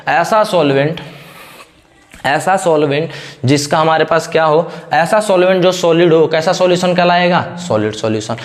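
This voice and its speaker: A man teaching a chemistry lecture in Hindi. He asks questions and then answers them himself, repeating the same pattern. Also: a little high. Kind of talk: classroom lecture.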